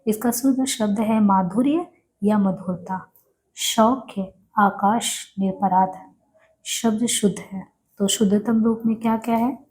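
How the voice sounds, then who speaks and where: A woman's voice: on the high side, fairly even intonation, unhurried, a little mellow. A woman teaching an exam-prep spelling lesson, repeating each word and answering her own questions. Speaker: Hindi teacher.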